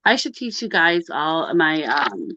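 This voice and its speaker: Co-hosting a pagan livestream, a woman rambles casually through the topic on a group video call, laughing often. Her deep voice has big pitch swings, an unhurried pace and a sharp tone. The call audio is dull and dry, with no room sound.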